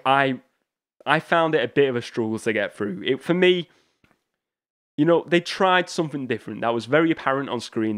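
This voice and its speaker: A man hosting his own solo podcast, talking in a loose, chatty way with frequent fillers and restarts. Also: mid-range voice. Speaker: podcast host. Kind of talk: solo casual podcast talk.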